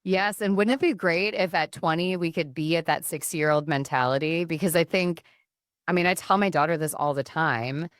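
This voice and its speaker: A woman's voice: sits low, moderate pace, no echo, studio quality. A middle-aged woman, a counsellor, talking earnestly and reflectively as a podcast guest. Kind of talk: casual podcast conversation.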